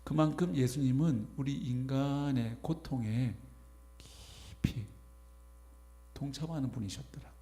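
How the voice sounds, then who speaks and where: A man preaching a sermon as pastor, animated, acting out imagined voices as he goes. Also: mid-range voice, unhurried, pauses often. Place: church sanctuary.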